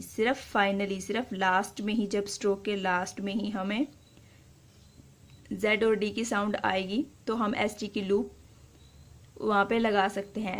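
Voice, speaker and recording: A woman teaching a shorthand lesson, patiently repeating example words slowly and explaining each step. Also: mid-range voice.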